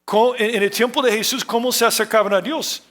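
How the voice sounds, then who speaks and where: A man with a notably high voice delivers a sermon from the pulpit. He repeats words as he searches for them and often fills pauses with "eh". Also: fairly even intonation, a bit bright. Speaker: pastor.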